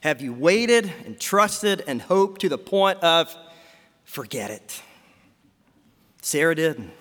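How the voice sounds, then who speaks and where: A man with a high voice preaches a sermon from the pulpit, asking questions of his congregation. His words ring out with the long reverb of a church hall. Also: lively intonation, a little slow, fairly bright tone. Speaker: pastor.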